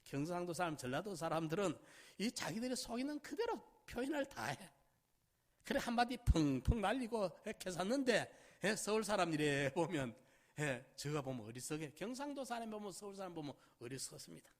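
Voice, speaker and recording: Male pastor, middle-aged, lively melodic sermon delivery, rhetorical asides. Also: high voice, fairly quick.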